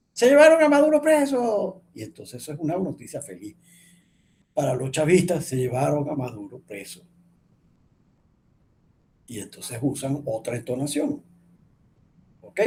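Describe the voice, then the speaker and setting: A man's voice: fairly high pitch, dark tone, a little hiss or hum. A middle-aged man lecturing an online speech therapy class, explaining patiently and often checking with the students. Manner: explanatory, asks the class frequent checking questions.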